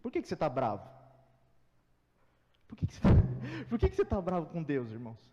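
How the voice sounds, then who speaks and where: High-voiced Brazilian pastor preaching in a reverberant hall. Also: male voice, huge pitch swings, a little fast, lo-fi sound. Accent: Brazilian Portuguese. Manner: dramatic preaching that swings from loud exhortation to hushed tones. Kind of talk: expository sermon. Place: church.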